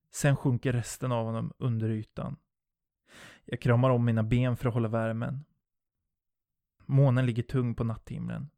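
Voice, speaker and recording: A man narrating a first-person horror story in a low, steady storytelling voice. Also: gravelly, no room sound, studio quality.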